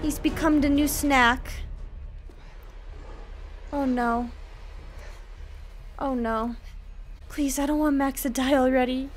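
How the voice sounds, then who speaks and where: A woman streamer giving casual, playful, expressive live commentary on a game. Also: high voice, slow pace, pauses often, soft background music.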